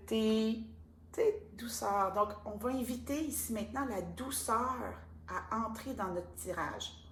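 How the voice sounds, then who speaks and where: A woman with a Québécois accent giving a casual oracle card reading, chatty and gentle, with many fillers. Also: mid-range voice. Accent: Québécois French. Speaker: card reader and spiritual guide. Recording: echoey room with faint ambient noise.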